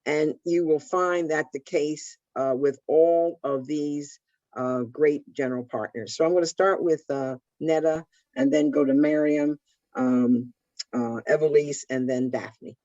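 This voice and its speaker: A woman hosting a panel, introducing the speakers in a deliberate way with frequent fillers and repeated words. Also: low voice, steady tone, dark tone, no room sound, dull audio. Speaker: panel host, managing partner.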